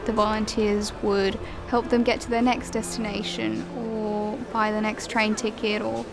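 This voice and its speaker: A young woman from Ukraine, a journalist, giving measured, reflective documentary narration. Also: mid-range voice, level tone, vocal fry. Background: music.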